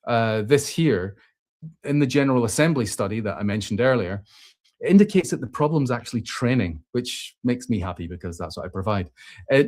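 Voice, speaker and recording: With a mid-range voice and a darkish tone, the host of a relaxed Q&A show works through viewer comments out loud, frequently starting over and filling pauses with sounds.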